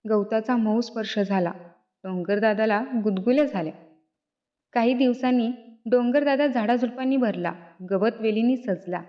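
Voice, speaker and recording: A woman reading a children's story aloud, in steady, gentle storybook narration, on a dull lo-fi recording. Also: on the high side.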